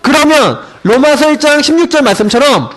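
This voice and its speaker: A young male pastor preaches in a high, lively voice that swoops up and down. He slows right down to lean on key words, and he acts out quoted conversations with his friends. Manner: stretches key words slowly for emphasis. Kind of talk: afternoon sermon.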